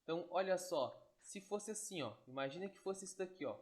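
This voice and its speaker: A man teaching Greek in an online lesson, explaining step by step and checking in with quick tag questions. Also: high-pitched, animated.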